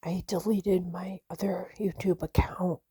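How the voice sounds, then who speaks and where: A woman whispering a personal vlog, nervous and shaky, halting with many fillers and restarts. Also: lowish voice, little pitch movement, mellow, husky, no room sound, clean studio sound. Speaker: vlogger.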